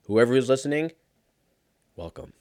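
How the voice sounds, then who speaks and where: A man's voice: mid-range voice, animated, moderate pace, darkish tone, no room sound, studio quality. A man in his thirties hosting a casual solo podcast, sounding drained after a sick night, rambling with profanity and frequent laughter. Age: 30s. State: low energy after being sick. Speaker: podcast host.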